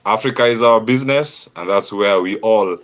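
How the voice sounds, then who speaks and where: A Kenyan man hosting an interview speaks in a fairly low voice. He asks long, winding questions and stresses his words slowly. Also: a bit bright. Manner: long winding questions, slow emphatic phrasing. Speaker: host. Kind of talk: interview host.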